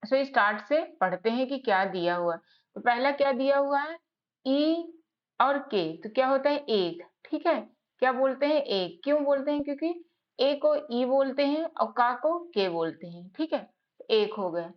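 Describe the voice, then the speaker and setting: A woman's voice: sits high, animated, normal speed. A woman teacher patiently sounding out letters and words one by one, repeating each word and asking herself questions as she goes. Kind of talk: slow spelling lesson, sounding out letters. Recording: slightly dull lo-fi audio.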